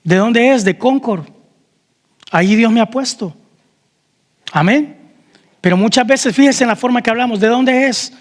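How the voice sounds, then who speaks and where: A man's voice: very high voice, measured pace, pauses often, in a large hall. A man preaching a sermon as pastor, asking the congregation questions and calling out amen. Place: church hall.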